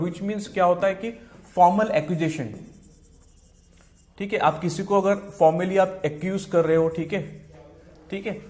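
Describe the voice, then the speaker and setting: Indian man teaching vocabulary, mixing Hindi and English. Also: fairly high pitch. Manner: mixes Hindi and English, repeats fillers like "fine" and "ठीक है"; repeats each key word and answer several times. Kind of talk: exam-prep vocabulary lesson.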